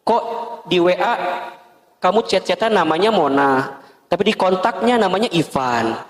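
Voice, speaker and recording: A man's voice: high-pitched, animated, normal speed. A male preacher voicing an upset wife who questions her husband, in an echoey hall. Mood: questioning. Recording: echoey hall with long reverb.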